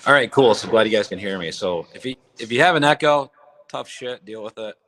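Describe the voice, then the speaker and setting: Broadcasting a casual livestream from a barn, this host rambles in a raw, blunt way, his voice echoing through the space. He uses a phone or app mic, and his lowish, a bit bright voice is expressive and a little fast.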